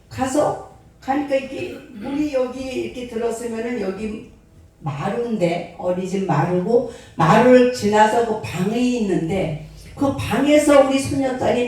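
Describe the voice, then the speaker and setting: A grandmother-aged woman pastor preaches, her mellow, warm voice carrying from a distance through a very echoey hall. She acts out the scenes of her story as she tells them, with a lively storyteller's delivery. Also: a little high. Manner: animated storyteller acting out scenes. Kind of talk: sermon with storytelling. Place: prayer retreat hall.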